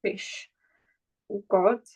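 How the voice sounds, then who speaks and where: A woman student in an online English class, reading words aloud slowly and hesitantly over a video call. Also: a little mellow. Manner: slow, hesitant, careful. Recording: dull lo-fi video call audio.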